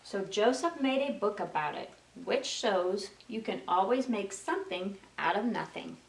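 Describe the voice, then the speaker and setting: Her voice is gravelly and medium-pitched, animated, at normal speed. A woman reads aloud to little ones in a sing-song way, prompting them with questions, while a distant mic in a roomy space picks up faint noise.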